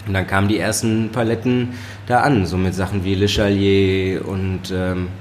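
A chef and sommelier, a man with a Ruhr-area German accent, telling stories in a relaxed podcast conversation, often laughing and using many fillers. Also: sits low, normal speed, a little hiss or hum. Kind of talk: casual podcast interview.

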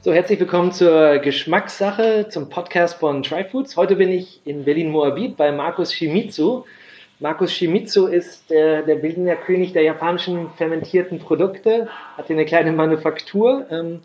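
A man hosts a casual interview podcast from a workshop. His voice sits a little high, and he keeps stopping to reach for words with fillers and restarts. The room is echoey and the recording sounds dull and lo-fi. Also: moderate pace, a little mellow. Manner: hesitant, many fillers and restarts. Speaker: podcast host. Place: workshop in a city. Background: production noise.

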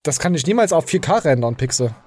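Man, East German accent, podcast host, crude mocking rant, fairly high voice. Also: very animated, quick pace, darkish tone. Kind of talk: casual podcast chat.

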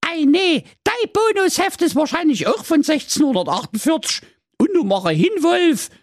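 Storybook parody: cheeky, impatient young girl, played by a man in high falsetto. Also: sing-song, normal speed, dry recording. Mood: mocking.

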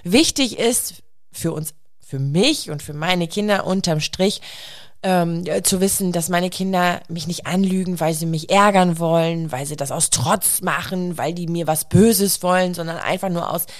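A woman's voice: on the low side, normal speed. A woman in her thirties, a mother of young children, chatting casually and animatedly quoting her son. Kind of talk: casual podcast conversation.

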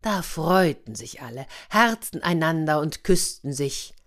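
A woman reading a fairy tale aloud for children, lively, with confiding asides to her young listeners. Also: low voice, measured pace. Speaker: storyteller.

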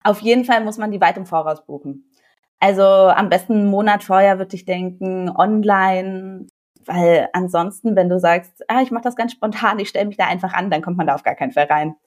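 A woman's voice: medium pitch, brisk. Enthusiastic young woman giving travel tips. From Germany. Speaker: guest. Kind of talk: casual podcast chat.

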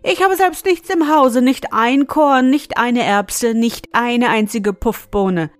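A woman voicing a grumpy, stingy male hamster farmer in a storybook reading, speaking gruffly, loudly and with constant complaints. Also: fairly high pitch, normal speed, no room sound, soft background music, lightly acted. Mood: furious.

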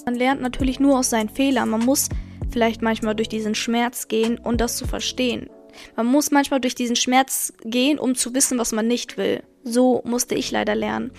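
A woman's voice: fairly high pitch, gravelly. A young woman hosting a podcast, candidly telling a personal story and giving blunt advice straight to her listeners. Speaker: podcast host.

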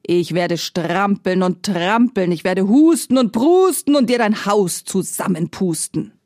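A woman voicing a big menacing wolf in a storybook reading, drawing out his threats slowly. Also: medium pitch, lively intonation, a little mellow, no room sound, studio quality, close to an everyday voice. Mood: threatening. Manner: slow, drawn-out threats. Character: big menacing male wolf, slow and heavy.

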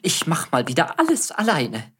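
A woman voicing a grumpy, impatient male tomcat inventor in a children's audio play, shouting and sulking. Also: wildly swooping pitch, normal speed, husky, exaggerated voice. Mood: furious. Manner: shouts and sulks in big pitch leaps.

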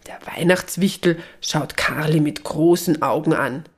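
A woman reading a children's Christmas story aloud, calm and gentle. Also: low voice, unhurried, slightly rough.

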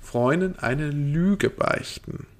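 A man's voice: fairly high pitch, takes it slowly. A man co-hosting a casual podcast chat, reading a forum post aloud with fillers and frequent laughter. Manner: casual, laughing often, rambling reads with fillers. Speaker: podcast co-host.

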